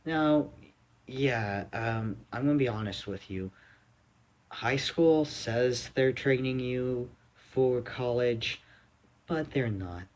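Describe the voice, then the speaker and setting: A man's voice: medium pitch, takes it slowly. A young man from the United States giving a rambling, blunt opinion monologue, full of fillers and restarts. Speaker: vlogger.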